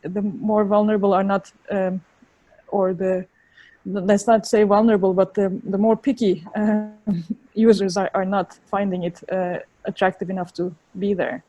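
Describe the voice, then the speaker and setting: A woman with a Turkish accent answering interview questions in a thoughtful, halting way, often searching for words. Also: medium pitch, flat delivery, warm tone, no room sound, low-quality recording. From Turkey. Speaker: interviewed urban designer.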